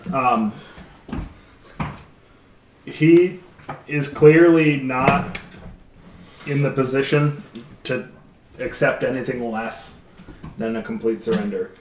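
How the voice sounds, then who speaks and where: A man narrating a tabletop game as dungeon master in a measured, halting way, recorded in a roomy room. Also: medium pitch. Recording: roomy echoey room, faint noise.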